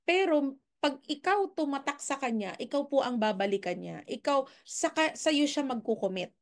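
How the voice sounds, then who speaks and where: A woman from the Philippines coaching people on closing deals in a relaxed, chatty way, moving between Filipino and English. Her voice sits somewhat high. She keeps drawing her listeners in with little questions. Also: normal speed. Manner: friendly, often checks in with "right?" tag questions. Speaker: sales and business coach. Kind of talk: casual training talk mixing Filipino and English.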